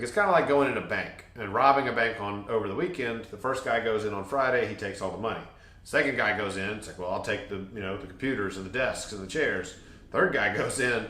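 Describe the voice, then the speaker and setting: A man chatting casually about a trip, wandering through his story with plenty of jokes and laughter. His voice sits at a middling pitch. The room around him has a noticeable echo. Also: a bit bright. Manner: rambling, jokey, laughs often. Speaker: podcast co-host.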